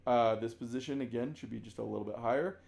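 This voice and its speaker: With a gravelly, mid-range voice and a fast delivery, a male coach talks through basketball game film. He keeps it conversational, often starts his sentences over, and now and then yells out sample calls.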